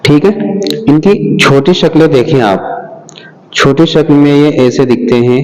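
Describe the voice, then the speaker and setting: Slow, patient male alphabet teacher. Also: a little high, a little mellow, lo-fi sound. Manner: patient, repeats and checks understanding. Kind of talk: slow step-by-step alphabet lesson.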